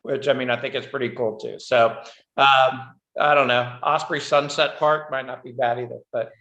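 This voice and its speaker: A man's voice: medium pitch, fairly even intonation, moderate pace, sharp tone. Rambling man in an echoey room. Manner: rambling, many fillers. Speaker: council member. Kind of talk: council meeting discussion. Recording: echoey, dull room sound.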